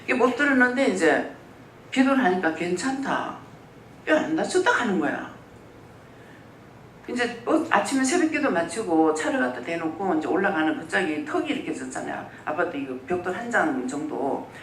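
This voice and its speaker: A pastor preaching a sermon in a church, telling stories and acting out what people said. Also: normal speed. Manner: lively storytelling, acts out quoted speech. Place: church sanctuary. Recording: roomy church hall, mic at a distance, faint rumble.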